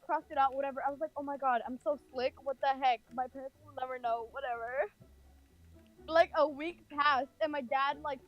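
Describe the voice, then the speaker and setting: On a muffled recording, a Californian woman, young and American, casually recounts something that happened to her. She has a high voice, wanders off track, and fills her speech with "like."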